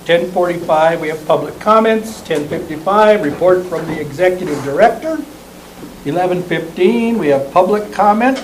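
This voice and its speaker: A man, a board member, reading a meeting agenda aloud in a plain, steady way, with small asides. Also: high voice, normal speed, slight background noise, low-quality recording.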